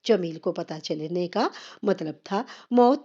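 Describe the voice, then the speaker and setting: A woman storyteller giving a calm, measured scripted narration of an emotional story. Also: on the low side, lo-fi sound.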